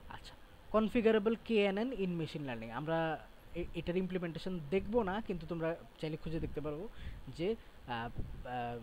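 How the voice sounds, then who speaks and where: A man's voice: on the high side, expressive, moderate pace, long pauses, a little mellow, slight background noise, poor audio. A male teacher gives a classroom lecture, explaining step by step and often checking in with his students.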